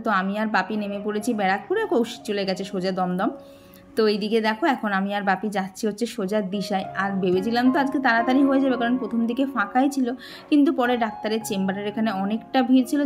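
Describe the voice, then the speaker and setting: A woman's voice: mid-range voice, steady tone, very fast, faint music behind. A young woman, chatting casually to her viewers in a vlog voice-over. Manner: chatty, addresses viewers warmly as "dear". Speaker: vlogger.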